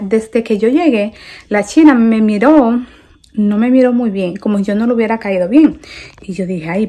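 A woman's voice: on the high side, a little mellow. A young woman with a Dominican Spanish accent, telling a story in a chatty vlog and repeating phrases for emphasis. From Dominican Republic. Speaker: vlogger.

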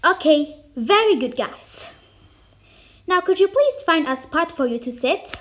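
A young woman voicing Mister Niel, a firm but kindly male teacher in a homemade cartoon, who speaks slowly while instructing. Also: high voice, animated.

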